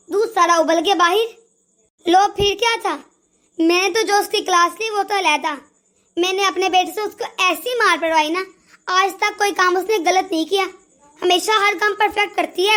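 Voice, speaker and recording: A woman's voice: very high-pitched, a bit bright. A woman voicing a harsh, domineering older aunt in a cartoon, who talks in a scolding, commanding way.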